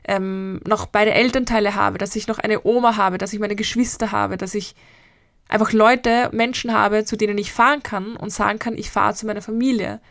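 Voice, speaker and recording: A woman in her late twenties with an Austrian accent speaks in a reflective solo podcast, drifting from thought to thought and pausing to hesitate. Her voice is mid-pitched and the recording is dry and close, with no room sound. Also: steady tone, vocal fry, fairly bright tone, no room sound. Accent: Austrian German. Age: 20s. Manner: rambling and personal, with frequent hesitations. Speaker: mental coach and podcast host.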